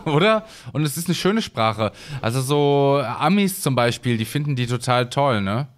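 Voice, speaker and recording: Guy from hesse chatting away over his game, lots of ums and uhs, mid pitch, desk mic. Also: lively intonation, unhurried. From Hesse, Germany. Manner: chatty, rambling, many fillers. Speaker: let's play host. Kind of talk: casual gameplay commentary.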